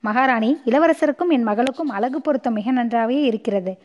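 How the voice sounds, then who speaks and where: A woman's voice: fairly high pitch, normal speed, a little mellow, close to an everyday voice. A woman voicing a proud middle-aged queen who speaks in a commanding, indignant way, on a muffled recording. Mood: scheming.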